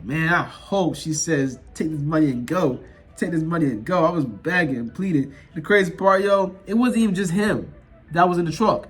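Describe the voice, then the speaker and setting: Male vlogger, casual animated storyteller, husky tone over faint background music. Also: high-pitched. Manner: animated, repetitive, laughing storyteller.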